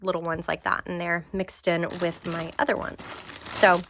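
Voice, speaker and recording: A young woman with a slightly low voice gives a casual tour of her home craft room. She chats along warmly and enthusiastically, often trailing off with fillers and small restarts as she shows each item. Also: little pitch movement, normal speed, slight background noise. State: briefly out of breath. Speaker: craft vlogger.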